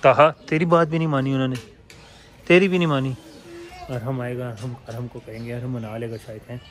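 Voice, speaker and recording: A man's voice: mid-range voice, steady tone, fairly quick. A man vlogging about his pet birds and animals, chatting casually to viewers and coaxing the animals, repeating "yaar" constantly.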